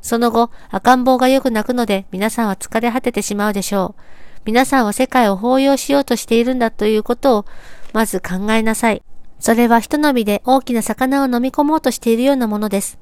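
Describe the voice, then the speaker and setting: Woman reading a sermon in a smooth voice. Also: a little high, a little fast, darkish tone, dry recording. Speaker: reader of religious teachings. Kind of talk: scripted reading of a sermon text.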